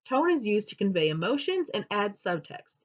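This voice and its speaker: A young woman giving a class presentation, explaining step by step in a steady teaching manner. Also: mid-range voice, normal speed. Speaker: student presenter. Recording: dull lo-fi recording.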